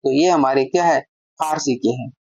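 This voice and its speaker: A woman's voice: very deep voice, normal speed, darkish tone, no echo, highs cut off. A woman teaching a grammar lesson, explaining step by step and answering her own questions.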